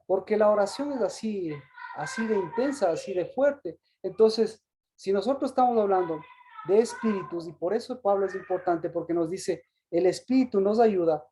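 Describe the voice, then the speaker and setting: A man teaching an interactive Bible study on a video call, pausing and repeating words as he asks questions. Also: sits high, expressive, mellow, a little hiss or hum.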